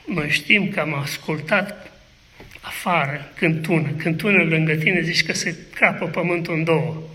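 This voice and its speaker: A man's voice: on the high side, sharp tone, low-quality recording. A man preaching a sermon, asking rhetorical questions and speaking aloud to God.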